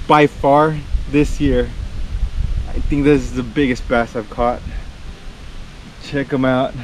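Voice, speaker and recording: A man commenting excitedly from a small boat on a river, exclaiming as he talks to his viewers. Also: medium pitch, slow, low-quality recording. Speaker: fishing vlogger. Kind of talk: casual vlog commentary. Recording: wind and boat noise behind.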